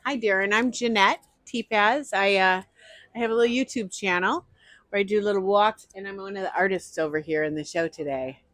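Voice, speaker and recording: A woman's voice: mid-range voice, fairly quick, fairly bright tone, no room sound. A woman walking through an outdoor art festival, narrating her vlog chattily and greeting people she passes. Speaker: vlogger.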